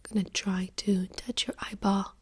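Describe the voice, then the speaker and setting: A woman doing a whispered role-play as a doctor in a soft-spoken ASMR exam, gently giving step-by-step instructions in a breathy whisper. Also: mid-range voice, level tone, normal speed, slight background noise.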